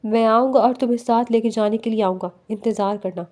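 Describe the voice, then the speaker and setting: A woman voicing a male office boss in a read-aloud novel, in a softly coaxing voice. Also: on the high side, fairly even intonation, a little fast, natural voice. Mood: menacing. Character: male office boss, caring then menacing.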